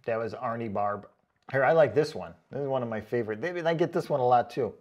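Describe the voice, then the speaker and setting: Talking fast in a darkish mid-range voice on lo-fi audio, a man hosting online boot review videos reads comments aloud. It's a sarcastic, mocking comedic rant, casual in tone, with emphatic delivery and free swearing.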